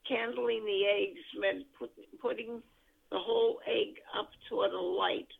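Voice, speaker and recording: An older grandmother heard over a speakerphone line, talking slowly and haltingly as she searches for words. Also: mid-range voice, steady tone, vocal fry. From United States. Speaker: grandmother being interviewed. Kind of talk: family oral history interview. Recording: tinny phone line.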